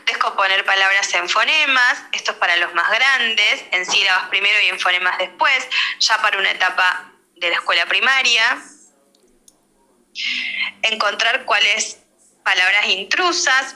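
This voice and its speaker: A woman's voice: medium pitch, pushed and bright. A woman giving a speech therapy lecture in a teacherly way, often checking in with her listeners. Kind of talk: online lecture with slides. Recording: roomy echo.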